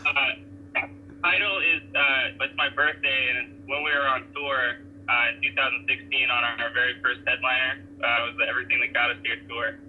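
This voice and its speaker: A man's voice: medium pitch, fairly even intonation, fairly quick. A man talking on a hands-free Bluetooth phone call while driving, laid-back and full of fillers and restarts as he answers interview questions. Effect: Bluetooth phone call from a car. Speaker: touring band member being interviewed. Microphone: car Bluetooth hands-free. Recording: tinny phone line with faint noise.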